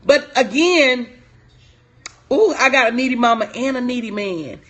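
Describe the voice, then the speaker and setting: A woman's voice: a little high, animated, measured pace, fairly bright tone. A woman in her forties, a business coach, talking casually and emphatically on a live stream while answering viewers' comments. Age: 40s. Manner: emphatic, repetitive, casual and direct.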